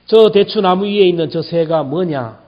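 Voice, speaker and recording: A man voicing a forgetful grandfather in his eighties who keeps asking the same question, in a slightly lower voice. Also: normal speed, natural voice. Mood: confused. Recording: dull lo-fi church recording.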